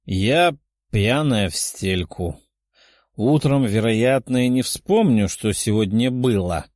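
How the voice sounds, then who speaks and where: A man's voice: medium pitch, expressive, darkish tone, dry recording, studio quality. A man voicing a proud, hot-tempered young dragon woman in an audiobook. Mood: drunk, weary. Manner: quick-tempered, snapping.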